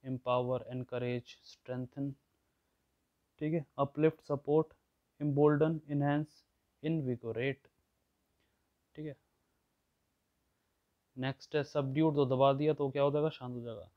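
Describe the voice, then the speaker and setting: Guy explaining vocab words, mid pitch, keeps checking in, kinda muffled audio. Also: steady tone, slow, long pauses. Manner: explains words with everyday examples, often checks in with listeners. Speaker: vocabulary teacher. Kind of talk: explanatory lesson.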